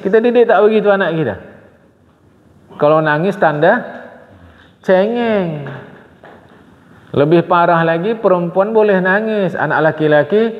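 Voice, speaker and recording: An older man lectures a congregation on religion, and his voice sits fairly high. He speaks earnestly, stops often to address his listeners and asks them rhetorical questions. The long hall echo and the dull, lo-fi recording make him sound distant. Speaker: religious teacher. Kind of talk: Islamic study lecture.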